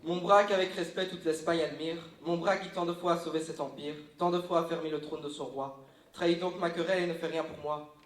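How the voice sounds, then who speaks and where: A man's voice: fairly high pitch, fairly even intonation, fairly quick, lightly acted. A man playing his girlfriend's mother's young helper, dutifully reading classical verse aloud in a live comedy sketch. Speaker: comic stage character. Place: large echoey hall. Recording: roomy live hall sound.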